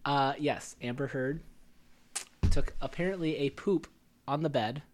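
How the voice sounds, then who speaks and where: A man co-hosting a casual podcast chat, playful and quick to laugh, with a slightly sore throat. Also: a little high, slight background noise. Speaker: podcast co-host.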